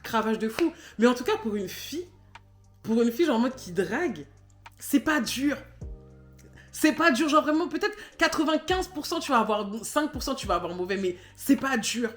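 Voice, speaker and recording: A woman in her twenties telling a personal story in a chatty vlog, talking loosely with lots of fillers and animated bursts. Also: high-pitched, echoey room. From Cameroon. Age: 20s. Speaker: vlogger. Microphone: phone camera.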